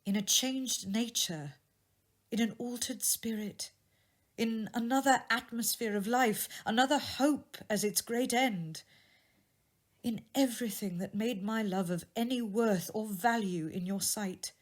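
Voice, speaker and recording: Lady doing a sad dignified young woman for a storybook, soft and earnest, takes her time. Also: a little high, pitched above the performer's own voice. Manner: gentle, earnest, measured. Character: sorrowful, dignified young woman releasing her changed fiancé. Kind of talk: dramatised audiobook reading of a classic tale.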